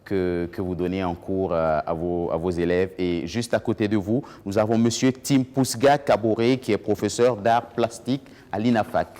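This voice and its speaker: A man with a Burkinabè accent hosting a studio debate, introducing guests in a hesitant, drawn-out way. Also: fairly low pitch, fairly even intonation, dark tone, big-room sound. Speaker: talk show host.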